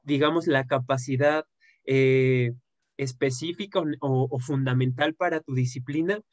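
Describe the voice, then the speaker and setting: A man's voice: medium pitch, fairly even intonation, unhurried, dry recording, muffled recording. A man, a seminar attendee, asking the instructor a question in a polite, tentative way.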